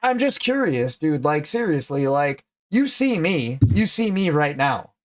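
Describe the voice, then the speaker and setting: Hosting a livestream, this man has a fairly high voice with big pitch swings and a measured pace. His talk is casual, full of swearing and blunt teasing aimed at his guest.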